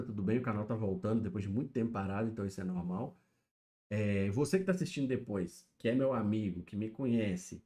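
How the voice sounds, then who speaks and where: A man talks casually and alone to his live-stream viewers. His voice is mellow and warm and sits at a middle pitch. He keeps checking in with his audience as he explains things. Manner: chatty, explaining, constantly checking in with "né?" and "tá?". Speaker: YouTube streamer. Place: home setup, alone.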